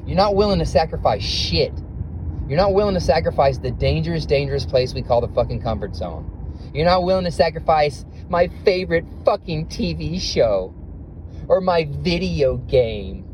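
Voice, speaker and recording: A man hosting a podcast, talking to himself in a car, recorded as low-quality phone audio. He speaks intensely and swears a lot, firing off rhetorical questions. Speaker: podcast host. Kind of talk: motivational self-talk monologue. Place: inside a car while driving. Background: car road noise.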